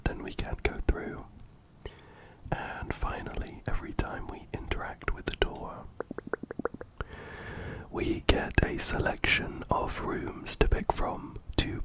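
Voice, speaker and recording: A man with a cold and blocked nose, whispering gameplay commentary ASMR close to the mic, ear to ear. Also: takes it slowly. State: stuffy nose from a cold, breathing through the mouth. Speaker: ASMR gaming channel host. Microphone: close binaural mic, ear to ear.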